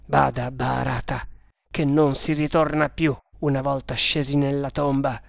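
Reader doing a fierce vengeful Indian man in a storybook, commanding, threatening, slow heavy delivery, dry close sound. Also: mid-range voice, level tone, creaky, no echo. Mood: furious. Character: fierce, desperate Indian man sworn to kill. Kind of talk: audiobook reading of an adventure novel.

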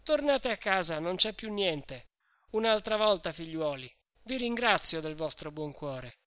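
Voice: medium pitch, lively intonation, bright, forceful tone, clean tone, no echo, clean studio sound. A reader voicing a timid older village priest who nervously soothes a crowd and urges them home. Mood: nervous, placating. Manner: hurried soothing, eager to send people away.

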